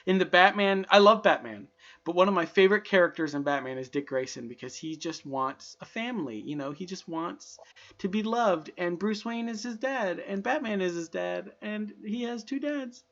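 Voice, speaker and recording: A young man chatting on a podcast, his voice bright and forceful as he rambles animatedly through stories and acts out the lines of people in them. The recording is slightly muffled and lo-fi, with the top end dulled. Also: high-pitched, moderate pace. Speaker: podcast co-host. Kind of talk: casual chat.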